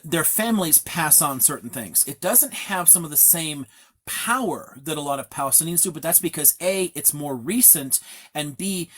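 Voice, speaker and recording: A man hosting a loose live stream with a slightly high voice. He rambles through his answers, restarting often and dropping fillers as he thinks aloud. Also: bright, forceful tone. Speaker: host. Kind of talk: casual live-stream chat.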